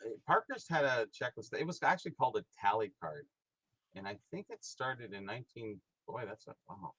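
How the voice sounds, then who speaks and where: A man's voice: mid-range voice, animated, fairly quick, a bit bright, husky, no room sound, poor audio. A middle-aged man talking casually as a guest, rambling with many fillers and restarts. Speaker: guest, hobby historian and price guide author. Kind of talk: casual conversation.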